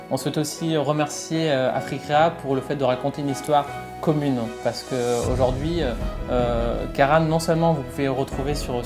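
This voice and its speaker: A man from northern France talks about his fashion brand in a relaxed promotional interview. His voice sits at an ordinary middle pitch, and he hesitates often, filling gaps with "euh" and restarting phrases. Light music plays faintly underneath. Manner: hesitant, many fillers and restarts.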